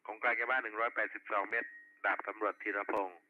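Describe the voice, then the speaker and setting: A man's voice: fairly low pitch, steady tone, fast. A man working as a police radio dispatcher, reading back reports in clipped, formulaic roll-call style over a walkie-talkie. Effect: two-way radio. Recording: tinny narrowband walkie-talkie with faint noise.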